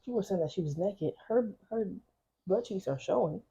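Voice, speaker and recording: A woman talks in a hushed, casual way, as if she doesn't want to wake the house. Her voice is very husky and dark. The recording is dull and lo-fi, made at home on podcast mics. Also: mid-range voice, lively intonation, fairly quick. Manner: talking quietly late at night. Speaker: podcast co-host. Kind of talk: casual chat. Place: home, at night.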